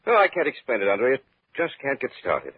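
An actor playing an American novelist who narrates his own story, speaking in an earnest, expressive way in an old radio drama. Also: medium pitch, fairly quick, slightly rough, no room sound. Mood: curious. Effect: old radio show. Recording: lo-fi phone-like broadcast with faint music.

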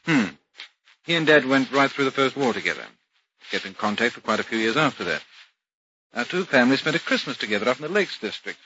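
A man's voice: medium pitch, animated, quick pace, bright, forceful tone, husky. A mild, thoughtful remembering man. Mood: musing. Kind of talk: radio drama acting. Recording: dull radio recording with faint hiss.

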